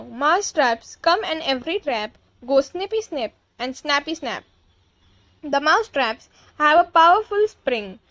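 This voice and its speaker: A woman's voice: sits high, a bit bright, no echo, full character voice. A woman voicing a disgusting old witch from a storybook, theatrical and gleefully menacing as she gloats and rants. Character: gloating, disgusting old Grand High Witch ranting to her audience. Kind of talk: storybook character voice in an audiobook reading.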